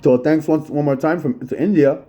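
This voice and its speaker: A man's voice: on the high side, normal speed, mellow. A middle-aged man, rambling profanely in a solo monologue about his childhood, repeating himself and saying "yo" often. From Long Island, New York. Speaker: channel host.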